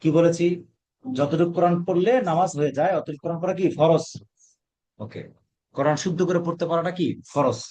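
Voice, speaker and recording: Man, Quran teacher, fairly high voice, call-and-response drilling, repeats answers. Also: brisk, pauses often, a little mellow. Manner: asks questions and repeats answers, drills pronunciation.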